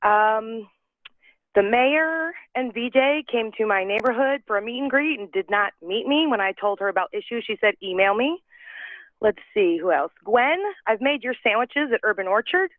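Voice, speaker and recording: A woman giving emotional, fast public comment over the phone while feverish, her voice rising and breaking. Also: a little high, animated, dry recording. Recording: tinny phone line.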